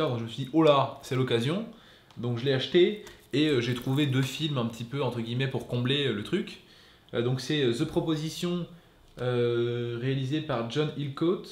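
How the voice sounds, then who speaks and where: A man talks casually about his purchases, stopping often to hesitate and restart. His voice sits in a middle range. The room around him gives back a clear echo. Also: medium pitch. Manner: hesitant, many fillers and restarts. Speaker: film collector vlogger. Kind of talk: casual chat.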